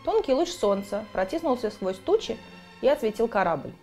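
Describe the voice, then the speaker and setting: A woman reading a children's book aloud, in an expressive storytelling manner. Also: on the high side, normal speed, soft background music. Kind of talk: storybook narration.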